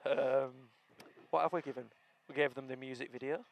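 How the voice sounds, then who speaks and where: A man's voice: mid-range voice, steady tone, normal speed, gravelly, highs cut off. A man co-hosting casual football banter, teasing and wry, often throwing out questions. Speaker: co-host of a football fan podcast. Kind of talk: casual banter and live match reaction.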